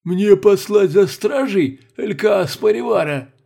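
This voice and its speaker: A fat, terrified official squeaks and fawns in a very high voice that swoops wildly, with a gravelly, husky edge. He stammers and grovels, eager to please. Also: lively intonation, takes it slowly, dark tone, heavily acted. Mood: fawning. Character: fat, fawning male official, terrified and servile. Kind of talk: audiobook character voice.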